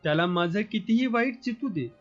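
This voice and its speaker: A man voicing a proud, defiant young village woman, lifting his voice higher for her. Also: expressive, moderate pace. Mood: angry, defiant. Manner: pleading then sharp, raised pitch. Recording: slightly muffled, soft background music.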